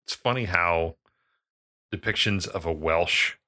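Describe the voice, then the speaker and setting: A man's voice: low-pitched, measured pace, sharp tone. A man co-hosting a podcast, chatting casually and reflectively about a TV episode. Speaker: podcast co-host. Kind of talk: casual chat reviewing a TV episode.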